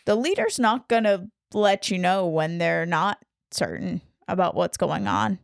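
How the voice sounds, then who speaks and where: A woman's voice: medium pitch, expressive, measured pace, vocal fry, no room sound, studio quality. A woman co-hosting a casual film discussion podcast, explaining ideas in a sarcastic, laughing way. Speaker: podcast co-host.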